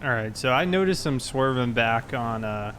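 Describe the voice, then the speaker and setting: In this casual police roleplay, the male player sounds animated, with a mid-range, somewhat bright voice at normal speed. He narrates and speaks dialogue conversationally, explaining as he goes, over slight background noise.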